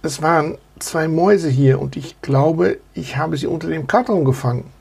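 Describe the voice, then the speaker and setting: A man doing a gentle, polite royal servant. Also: on the high side, moderate pace, creaky, breathy edge, heavily acted. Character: kindly male servant of the king, gentle.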